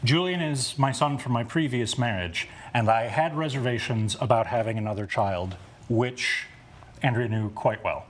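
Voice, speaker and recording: A man's voice: medium pitch, moderate pace. A middle-aged man testifying as a co-defendant in a TV courtroom, formal and composed.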